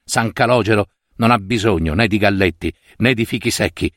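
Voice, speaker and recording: A man gives voice to an indignant country priest who scolds in a low, sharp voice. He is curt and dismissive, in a dry close recording of a spoken story. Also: normal speed, no room sound. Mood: scolding. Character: young priest, indignant and stern.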